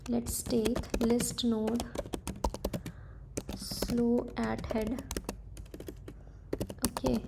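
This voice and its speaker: Slow, gravelly-voiced woman thinking aloud. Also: a little high, monotone, noisy background. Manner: hesitant, tentative, self-correcting. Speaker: coding tutor. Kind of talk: thinking aloud while solving a coding problem.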